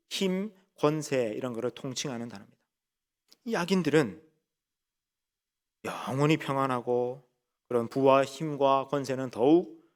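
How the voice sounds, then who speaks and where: A male pastor preaching a sermon with emphasis, asking the congregation rhetorical questions and slowing down to lean into key phrases. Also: medium pitch.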